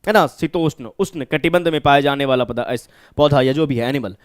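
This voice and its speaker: A man's voice: medium pitch, fairly quick, clear, resonant tone, no echo, clean studio sound. A man with a Bihari accent teaching an exam-prep vocabulary lesson. He explains step by step, asking questions and answering them himself.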